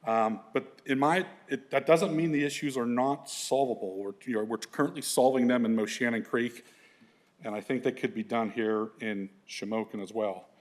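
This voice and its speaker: A middle-aged environmental consultant with a big, mid-range voice presents slides to an audience at a moderate pace. His delivery is loose and conversational, full of fillers and restarts.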